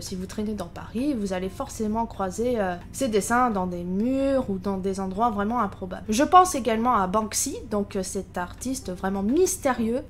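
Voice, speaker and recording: A woman hosting her own VTuber video, giving chatty, opinionated commentary with frequent fillers. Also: mid-range voice. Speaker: VTuber host. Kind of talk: scripted vlog commentary.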